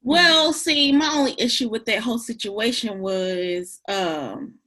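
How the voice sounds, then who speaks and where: A woman's voice: on the high side, measured pace, bright, forceful tone. A woman debating casually, insistent as she argues her side. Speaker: talk show panelist.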